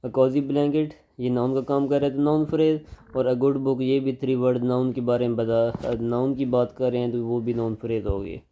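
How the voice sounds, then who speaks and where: A man gives a grammar lecture with a very dark, mellow voice. He explains step by step and slows down to read example sentences. The recording is dull and lo-fi with a faint hiss. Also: medium pitch, little pitch movement. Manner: explains in Hindi mixed with English, reads example sentences slowly. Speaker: English grammar teacher.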